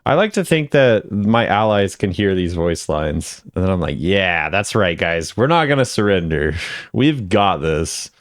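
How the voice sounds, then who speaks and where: In a dry, clean studio recording, a low-voiced man ranks game voice lines as a video creator. His commentary is animated, a little slow and chatty, and he often repeats phrases for emphasis.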